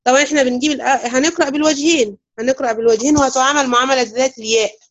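A woman with an Egyptian Arabic accent teaches recitation rules at a brisk clip, her voice a little high. She keeps turning to her students with questions and waits for them to answer. The audio is dull and lo-fi. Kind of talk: online lesson on recitation rules.

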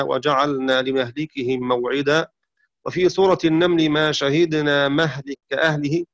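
A man teaching the variant readings of the Quran, explaining rules and slowly sounding out words to demonstrate pronunciation. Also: on the high side, a bit bright, no room sound, lo-fi sound. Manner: explanatory, slows down to sound out words, self-correcting. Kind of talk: religious lesson on recitation variants.

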